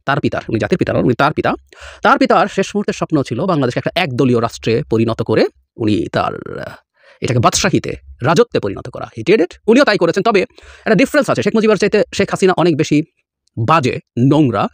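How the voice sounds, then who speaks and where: A man delivers political commentary with scorn, slipping English words into his talk. His voice sits a little high and swings widely. The sound is dry and close. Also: sing-song, fairly quick, no room sound. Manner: scornful, emphatic, with English phrases mixed in. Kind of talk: solo video commentary.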